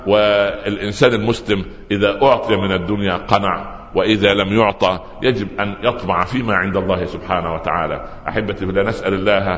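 A man's voice: on the low side, steady tone, fast, few pauses, a bit bright. A male preacher with an Egyptian accent giving a sermon, moving between colloquial storytelling and formal recitation. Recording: dull, hall reverb.

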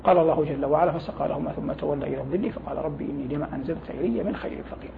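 Reciting quotations and breaking off to gloss phrases, a male religious scholar explains scripture in formal, didactic Arabic as a programme guest. He has a fairly high pitch and vocal fry. The audio sounds thin, like a phone, with faint noise.

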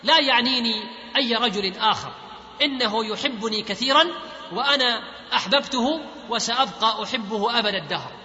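A man's voice: very high voice, fairly quick, pushed and bright, slight background noise, heavily acted. A man reading the lines of a defiant, scornful young woman, in an echoey hall on a dull lo-fi recording. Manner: read out plainly in the narrator's voice.

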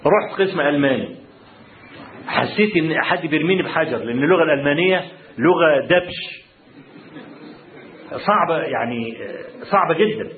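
A man with an Egyptian Arabic accent telling students about his college days, animated, often checking in with the audience. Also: a little high, a little fast, long pauses, roomy sound, phone-quality sound, slight background noise. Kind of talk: storytelling talk to students. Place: lecture hall.

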